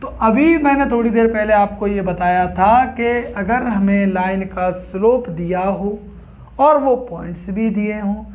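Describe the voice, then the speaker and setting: Male math tutor, fairly high voice, step-by-step classroom explaining. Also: a little slow, a little mellow. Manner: explains step by step, asks students questions. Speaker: math teacher.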